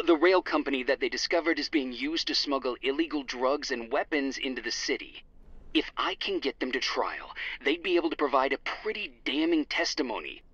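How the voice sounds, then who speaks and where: Composed trial lawyer, dry, articulate, forceful bright tone, muffled phone filter, video game. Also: male voice, mid-range voice, slightly rough, no echo. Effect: phone call filter. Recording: dull, band-limited phone call.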